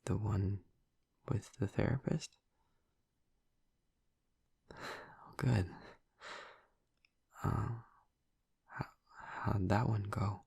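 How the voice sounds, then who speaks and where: In an intimate audio roleplay, a man fully voices a tender vampire boyfriend, caring and attentive. His very deep voice is husky, breathy, soft and creaky with fry, and he speaks slowly and tentatively at a steady tone, right up close on a dry microphone with no echo.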